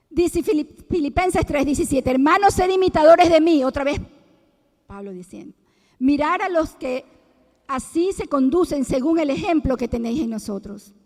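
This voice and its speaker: A middle-aged woman speaks in a high voice, giving an emphatic, preacherly testimony that circles back and repeats itself. Her voice rings out with a long reverb in a church hall. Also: animated, a little slow, long pauses, darkish tone.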